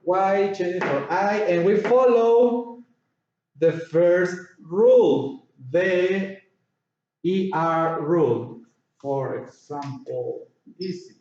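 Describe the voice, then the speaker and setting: A man teaching an English grammar lesson, slowly repeating words and spelling letters out. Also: sits high, a little mellow. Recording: echoey, distant, dull room sound.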